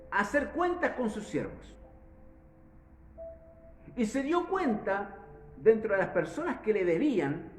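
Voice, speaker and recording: A Chilean man preaches in a strikingly high, lively voice, retelling a parable with frequent restarts and doubled words. The room around him is echoey, with a clear reverberant ring. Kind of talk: sermon.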